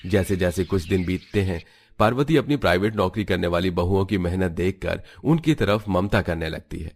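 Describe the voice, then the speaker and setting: A man narrating a cartoon story in a steady, scripted storytelling style. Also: sits low, moderate pace.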